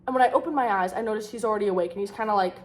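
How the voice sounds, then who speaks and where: A woman's voice: medium pitch, rapid-fire. A young woman vlogger telling a personal story in a rambling, self-mocking way, full of fillers. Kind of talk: casual storytime.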